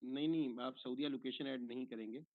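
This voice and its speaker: A man's voice: medium pitch, steady tone, a little fast, no echo. Man on a tinny phone-like call line. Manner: explains step by step, checking in with "okay?" after each point. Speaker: online course instructor. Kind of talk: answering a student's questions on a call.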